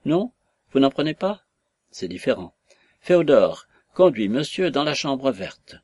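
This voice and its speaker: A pompous, commanding gentleman of rank from a storybook reading, played by a man with a husky voice. He issues orders to servants and condescends to guests, heard close and dry. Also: medium pitch, very animated, measured pace, dry recording. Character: elegant, self-important statesman husband.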